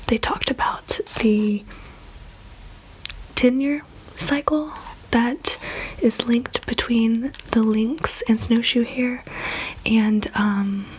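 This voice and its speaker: A woman whispering softly and breathily in an ASMR style, gently reading nature facts aloud without hurry. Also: medium pitch, breathy edge, low-quality recording. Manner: soft, unhurried, gentle.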